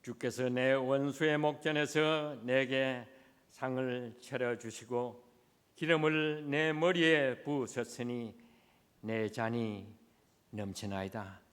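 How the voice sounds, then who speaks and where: Man leading responsive reading, formal and even, reverb-y sanctuary. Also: medium pitch, slow, smooth. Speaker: worship leader.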